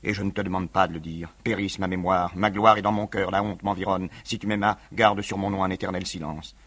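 A man's voice: low-pitched, fairly even intonation, brisk, fairly bright tone. An actor playing a brooding, fanatical young male revolutionary in a 1950s radio reading, with grave, solemn declamation. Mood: grave, somber.

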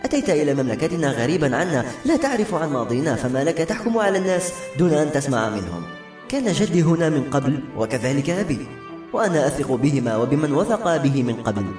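A man's voice: fairly high pitch, sing-song, fast. A man voicing a seductive scheming princess. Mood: persuasive. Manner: coaxing, flirtatious. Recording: roomy echo with soft music.

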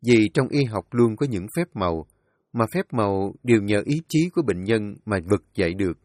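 A man narrating an emotional family story in a slow, expressive storytelling manner. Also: on the low side, no echo, studio quality.

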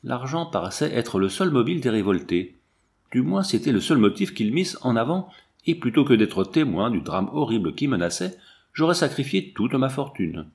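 A man reading a novel aloud as narrator, lively and giving the characters' lines their own voices. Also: medium pitch, normal speed. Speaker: audiobook narrator.

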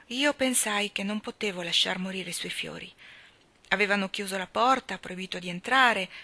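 A woman's voice: medium pitch, sharp tone. A woman reading aloud and voicing a loyal, plain-spoken old male gardener in an audiobook of a children's novel.

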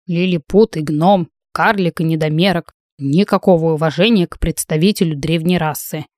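A grumpy little dwarf mage who grumbles and complains about everything, read by a woman. The voice sits low and mellow, recorded close and dry. It belongs in a storybook fantasy. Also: normal speed, dry recording, natural voice. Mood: grumbling. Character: grumpy bald male dwarf mage, gruff.

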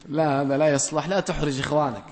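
A man reads out audience questions and answers them one by one as a religious scholar, giving plain, direct rulings and gentle admonishment. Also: on the high side, fairly even intonation, rapid-fire. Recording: long reverb from a large hall.

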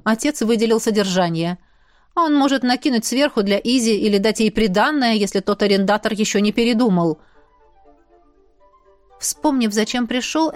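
A woman reading a romance audiobook aloud in an expressive, lightly ironic narration. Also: a little high, no echo. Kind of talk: scripted narration.

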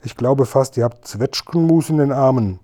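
A pompous, bumbling village police sergeant, as a man voices him in a storybook reading. He blusters with self-important authority in a warm, mellow tone. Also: medium pitch, moderate pace, close to an everyday voice. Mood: blustering.

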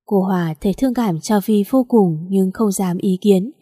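Woman, audiobook narrator, mellow warm voice, dry close mic. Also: mid-range voice, normal speed, slightly rough, no echo. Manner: steady storytelling.

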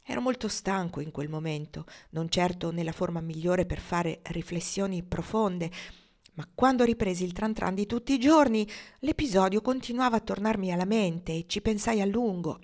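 A woman's voice: medium pitch, normal speed, a little mellow, natural voice. Woman reading as Pocket, an earnest young gunslinger. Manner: heartfelt, earnest declarations. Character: earnest young gunslinger man, romantic and candid.

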